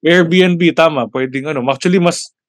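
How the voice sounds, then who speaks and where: A man chatting casually as a podcast co-host, halting often to search for words and mixing in English phrases. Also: on the high side, no echo, studio quality. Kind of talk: casual chat.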